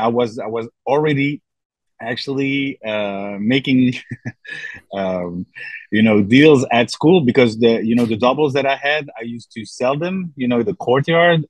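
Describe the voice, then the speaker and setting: A man from Belgium with a Belgian French accent, chatting as a podcast guest, relaxed and rambling with many fillers. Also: mid-range voice, takes it slowly, no echo, low-quality recording. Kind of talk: casual interview chat.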